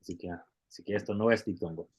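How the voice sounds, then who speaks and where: A man's voice: on the low side, fast talker, darkish tone, breathy edge. A man who teaches Greek in an online class and explains things patiently, step by step, often restarting his words.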